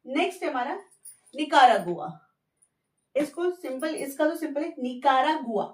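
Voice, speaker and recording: A woman teaching Spanish words in Hindi, repeating each word slowly and clearly for learners. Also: high voice, animated, distant mic. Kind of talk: language lesson explained in Hindi. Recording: echoey room, voice off-mic.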